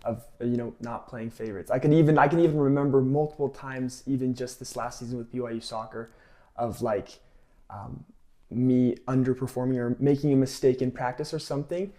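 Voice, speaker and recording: This college soccer player, twenty-one and from California, speaks fairly quickly with an American accent. His mellow, medium-pitched voice stays fairly even as he casually tells stories during an interview.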